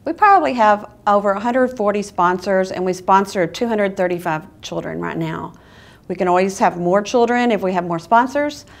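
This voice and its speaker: A woman's voice: mid-range voice, normal speed. A woman in an interview earnestly explaining a children's sponsorship program.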